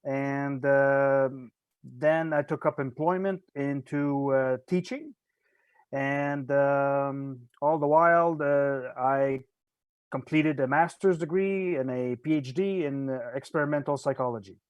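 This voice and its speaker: An older man from Montreal, a retired police officer, speaking as a guest on a podcast with many pauses and fillers. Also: medium pitch, clear, resonant tone, no echo, lo-fi sound. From Montreal, Canada. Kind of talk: podcast interview.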